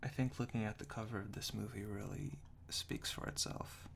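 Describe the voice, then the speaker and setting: In this ASMR clip, a man reads reviews at a normal speed and comments on them in a dry, deadpan, tongue-in-cheek manner. He whispers breathily and close, with a soft low murmur mixed in, through an ear-to-ear binaural mic that also picks up faint noise.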